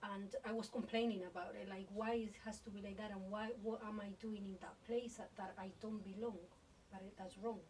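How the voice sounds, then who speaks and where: Born in Colombia and raised in Spain, a Spanish-speaking woman hosts a podcast, talking introspectively in a reflective interview and feeling her way through phrases. Her mid-range, darkish voice is level and fairly quick. The low-quality recording catches her a little away from the mic, with faint background noise.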